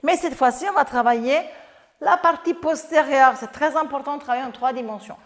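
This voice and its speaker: A Pilates instructor with an Italian accent leads her class in a fairly high, slightly quick voice, offering breathing cues and joking with her viewers. She's chatty and encouraging. A lapel mic clipped to her clothing picks her up, and a long reverb tail trails her words.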